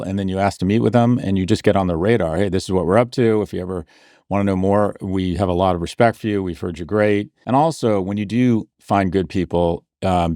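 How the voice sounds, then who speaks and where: A deep-voiced middle-aged man talks bluntly and wryly into a close mic, poking fun at himself as he answers a listener question. The recording is dry, with no room sound. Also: mellow, no echo. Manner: blunt, wry and self-mocking. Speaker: podcast host. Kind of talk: casual podcast advice and ad read.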